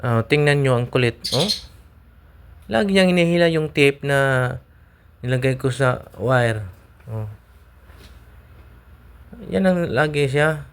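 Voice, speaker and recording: A man's voice: medium pitch, expressive, takes it slowly, pauses often. A man with a Filipino accent chatting casually to viewers in a home vlog about his pet. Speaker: pet owner vlogging. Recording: clearly noisy recording with clicks.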